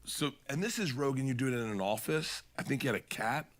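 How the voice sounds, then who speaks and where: Rambling, animated man telling podcast stories. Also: mid-range voice, fast. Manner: rambling, animated, laughing, swearing. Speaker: comedian guest. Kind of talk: casual podcast storytelling.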